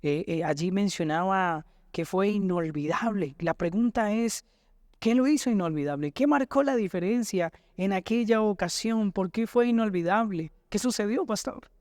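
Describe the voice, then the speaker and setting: A man's voice: high voice, moderate pace, darkish tone, no room sound, studio quality. A man with a Colombian accent, a pastor who asks questions, affirms and reads scripture in a Bible lesson discussion. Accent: Colombian Spanish.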